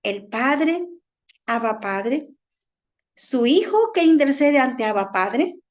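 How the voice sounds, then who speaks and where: An Ecuadorian woman minister preaches in a high voice at an unhurried pace. She works through rhetorical questions. The recording is dull and lo-fi. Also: very animated. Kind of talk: sermon.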